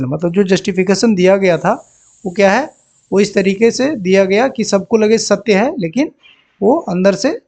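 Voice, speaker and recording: Male exam-prep tutor, Indian accent, higher pitch, patient step-by-step explanations. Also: darkish tone. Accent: Indian English. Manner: explains step by step, often asks "ठीक है ना"; reads example sentences slowly and deliberately. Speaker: English vocabulary teacher. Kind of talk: bilingual exam-prep lesson.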